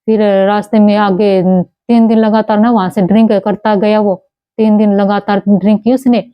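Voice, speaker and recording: A young woman telling her own story in a halting way, often breaking off and restarting her words. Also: medium pitch, little pitch movement, dry recording, lo-fi sound. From Haryana. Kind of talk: personal testimony.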